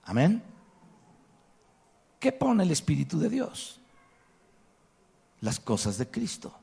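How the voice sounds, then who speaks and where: A man's voice: fairly high pitch, wildly swooping pitch, takes it slowly, gravelly, dark tone, slightly rough. A man with a Mexican Spanish accent preaching a sermon to his congregation, emphatic and asking rhetorical questions. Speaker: pastor. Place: church hall.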